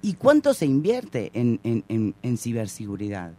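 A man, the interviewer, asking long and measured questions. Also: mid-range voice, wildly swooping pitch, dark tone, a little hiss or hum.

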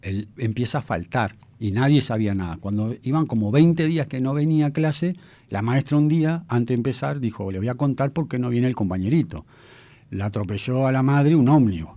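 A man's voice: medium pitch, lively intonation, brisk, dark tone, dry recording. A man in his fifties with a Uruguayan accent, a guest telling stories from his childhood in a talk-show interview. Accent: Uruguayan Spanish. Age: 50s. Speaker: guest, mentalist.

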